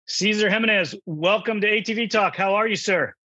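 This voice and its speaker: Bright-voiced male podcast host. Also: sits high, brisk, husky, no echo, dull audio, soft background music. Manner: friendly, relaxed questioning with fillers. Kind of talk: casual interview.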